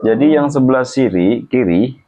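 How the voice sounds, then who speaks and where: A man's voice: mid-range voice, lively intonation, normal speed, mellow. A man, a therapist chatting during a hands-on treatment, joking and reassuring with frequent religious exclamations. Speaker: healing therapist. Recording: lo-fi, phone-like sound.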